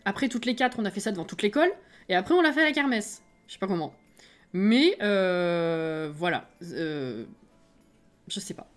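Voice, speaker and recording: A woman with a French accent, streaming live and chatting casually with her viewers, self-mocking and quick to laugh. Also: medium pitch, animated, soft background music.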